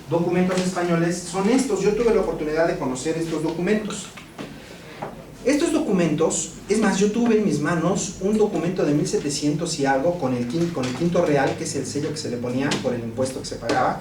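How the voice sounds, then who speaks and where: A man's voice: a little high, darkish tone. A Mexican man giving a casual, anecdote-filled law lecture to a class, peppering his talk with rhetorical questions. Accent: Mexican Spanish. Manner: conversational, anecdotal, frequent rhetorical "¿no?". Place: university classroom. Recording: echoey classroom, distant mic, noisy.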